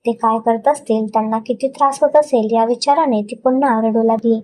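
Female storyteller, scripted narration, steady read, slightly high voice. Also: fairly quick.

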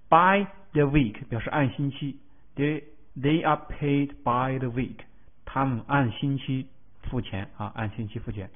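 A male English vocabulary teacher in a recorded lesson. He explains word roots step by step, spells out letters and often asks a checking question. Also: mid-range voice. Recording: tinny phone-like lo-fi sound.

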